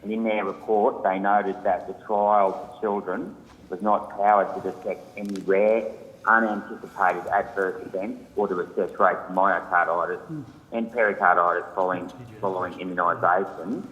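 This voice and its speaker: A man, a senator, putting formal questions to a hearing while speaking away from his phone, so he sounds distant and halting. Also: sits low, steady tone, fairly bright tone, a little hiss or hum. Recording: muffled phone line with long reverb.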